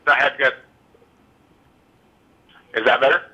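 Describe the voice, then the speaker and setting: A man's voice: mid-range voice, bright, forceful tone. A male caller from Colorado talking hesitantly over a fuzzy, muffled phone connection that keeps breaking up. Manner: hesitant, halting with many fillers. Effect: breaking-up, muffled, fuzzy call line. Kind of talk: call-in conversation.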